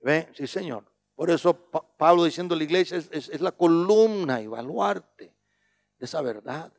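A male preacher giving a sermon, who keeps asking "¿ve?", slows down on key words and swings between loud emphatic lines and quiet low asides. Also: expressive, gravelly. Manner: repeats a questioning "¿ve?" between points.

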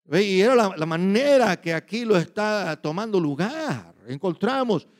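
Expressive and high-pitched, a man speaking at normal speed preaches with emphatic bursts that shift between loud and quiet. He repeats himself frequently and checks with listeners, all captured with long hall reverb.

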